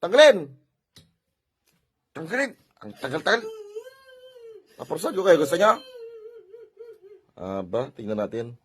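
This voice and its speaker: A man's voice: medium pitch, big pitch swings, measured pace, pauses often, a bit bright. A man performing a deliverance prayer as a faith healer, chanting invocations and repeating urgent commands at a spirit. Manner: commanding, repetitive urgent orders.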